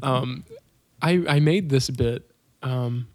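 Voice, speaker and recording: A young man co-hosting a casual comedy podcast, laughing often as he pitches sketch ideas. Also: takes it slowly, no room sound. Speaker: podcast co-host.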